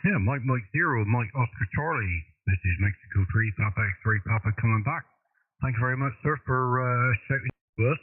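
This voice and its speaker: A man working as a radio operator over a crackly two-way radio, courteous and relaxed, giving call signs. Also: medium pitch, fairly quick, slightly rough, no room sound. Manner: relaxed and courteous, saying sir often. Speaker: amateur radio operator on a live stream. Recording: crackly narrow-band radio with static noise.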